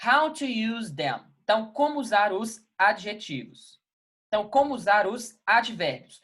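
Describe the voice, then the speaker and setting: A man from Brazil teaching an English lesson. He explains patiently, reads example sentences slowly and repeats key words, checking in with his students. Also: high voice, big pitch swings, a bit bright. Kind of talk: recorded classroom lesson.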